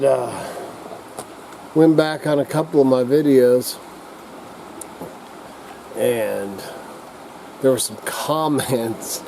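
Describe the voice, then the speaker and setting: Slow, slurred older redneck man rambling. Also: medium pitch, noisy background. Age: middle-aged or older. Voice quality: slightly slurred speech. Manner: halting, drawn-out, searching for words. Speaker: vlogger. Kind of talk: casual rambling rant to camera.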